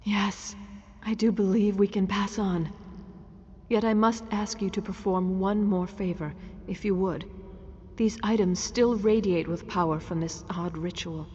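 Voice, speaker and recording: A husky, echoing female ghost. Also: medium pitch, steady tone, a little slow, dark tone. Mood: solemn, grateful. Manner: formal, earnest. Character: grateful female ghost of a tormented victim, solemn, earnest. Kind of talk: fantasy video game character dialogue. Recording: long reverb, dull sound, music behind.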